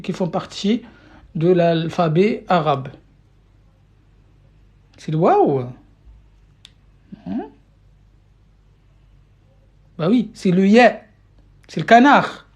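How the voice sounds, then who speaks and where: Woman teacher, livestream lesson, patient and repetitive, middle pitch, talks into a phone mic. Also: darkish tone. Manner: patient, repeats questions to viewers, many fillers. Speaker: Arabic teacher. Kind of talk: live-streamed language lesson. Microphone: phone or webcam mic.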